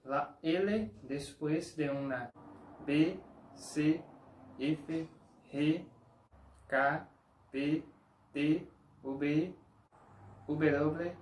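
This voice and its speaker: Slow, deliberate man. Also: on the high side, roomy sound, a little hiss or hum, rough recording. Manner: slow and deliberate, spells out and repeats each sound. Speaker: language teacher. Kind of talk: pronunciation lesson.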